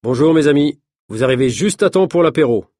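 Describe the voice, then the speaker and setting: A man voicing a confident daredevil stuntman in a storybook reading, husky and self-assured. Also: mid-range voice, expressive, brisk, a little mellow, dry recording, studio quality, voice pushed up, close to an everyday voice. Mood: breezy.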